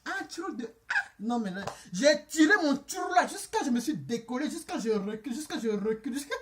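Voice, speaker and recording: A woman telling her viewers a story, vlog-style. Her voice sits on the high side and leaps up and down with expression. She laughs often and speaks straight to her audience. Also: animated, brisk, a little hiss or hum. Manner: addresses viewers directly. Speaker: vlogger.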